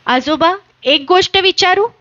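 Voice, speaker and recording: A woman's voice: very high-pitched, unhurried, a bit bright, lo-fi sound, voice pushed up. Woman doing a curious little granddaughter. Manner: inquisitive, pleading.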